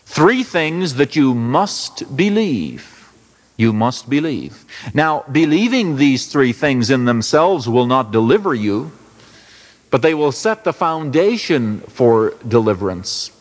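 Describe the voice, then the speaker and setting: A male pastor delivers a sermon with dramatic pauses and heavy emphasis. His voice swings widely in pitch, and a long hall reverb trails each phrase. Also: big pitch swings. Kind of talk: radio sermon.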